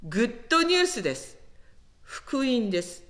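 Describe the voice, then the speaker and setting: A woman preaching a sermon in an animated storytelling manner, acting out quotes as she goes. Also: on the high side, moderate pace. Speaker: pastor.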